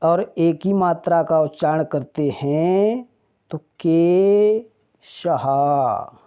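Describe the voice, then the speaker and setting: Teacher, alphabet lesson, extremely slow, drawn-out sounds, muffled lo-fi recording. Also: medium pitch. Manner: deliberate, drawn-out pronunciation of each sound. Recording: dull lo-fi recording.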